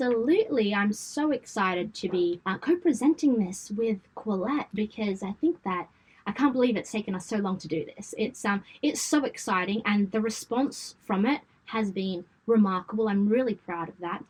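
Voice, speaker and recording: A woman's voice: medium pitch, lively intonation, normal speed, a little mellow, slightly rough, poor audio. Candid young woman with a western Sydney accent. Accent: western Sydney Australian. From Australia. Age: late 20s. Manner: candid, informal. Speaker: interview guest, event company founder. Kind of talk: conversational interview.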